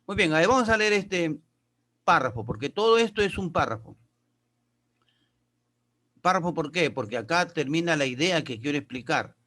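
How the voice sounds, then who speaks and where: A male teacher with a slightly raised voice walks his pupils through grammar and pronunciation one step at a time. He reads English sentences aloud slowly and deliberately. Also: on the high side, lively intonation, sharp tone. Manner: explains step by step, addresses pupils as kids. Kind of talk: classroom lesson.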